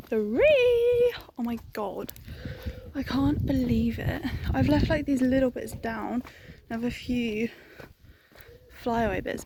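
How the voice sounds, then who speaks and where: A young woman chatting casually and excitably in a vlog, peppering her talk with informal filler. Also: sits high, slight background noise. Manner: excitable and informal, frequent "like" and "oh my God". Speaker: vlogger.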